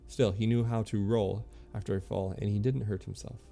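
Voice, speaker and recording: Gravelly low-voiced man reading lore aloud. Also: fairly even intonation, dark tone, faint music behind. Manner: halting reading with stumbles and self-corrections. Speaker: streamer.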